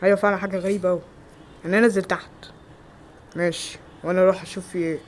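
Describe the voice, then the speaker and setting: A man with an Egyptian Arabic accent acting several everyday roles in a homemade skit, with quick, exclamatory lines. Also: high voice, level tone, slight background noise, natural voice. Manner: quick, loud, exclamatory dialogue. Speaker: amateur actor.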